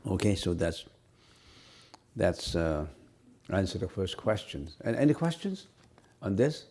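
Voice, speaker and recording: A man whose mother tongue is Cantonese teaches Buddhism in an unscripted talk, using a deep, dark-toned, sing-song voice. His delivery is halting, with frequent pauses, repeated words, many fillers and restarts as he searches for what to say next.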